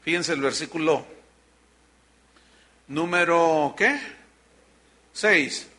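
Male preacher, high bright voice, lively storyteller. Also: very slow. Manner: animated storytelling, acts out voices. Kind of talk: sermon.

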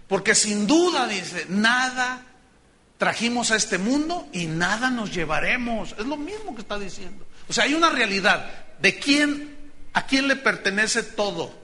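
A man's voice: high-pitched, pushed and bright. A man preaching a sermon, speaking earnestly to his congregation and acting out prayers with drama.

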